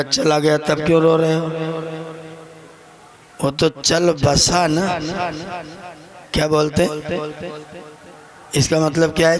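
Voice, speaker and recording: A man preaching a sermon, telling stories, asking rhetorical questions and chanting verses. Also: on the high side. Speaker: Arya Samaj preacher. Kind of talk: Hindi sermon with anecdotes.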